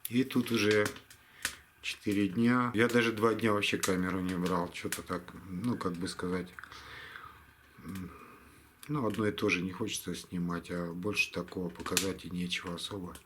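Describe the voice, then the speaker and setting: A tired man talking casually to camera in a halting, resigned way, like a hunting vlogger winding down his day. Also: deep voice, steady tone, background noise. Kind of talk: casual vlog monologue to camera.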